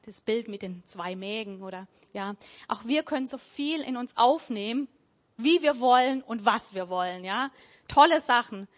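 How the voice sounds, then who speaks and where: A woman giving a sermon in an earnest, conversational way, often pausing with fillers. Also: fairly high pitch. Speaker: preacher.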